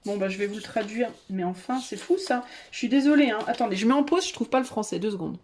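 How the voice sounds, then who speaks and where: A woman's voice: a little high, fast, darkish tone, a little hiss or hum. A woman giving a casual tarot reading to her viewers, chatty and hesitant, with many fillers and restarts. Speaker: tarot reader.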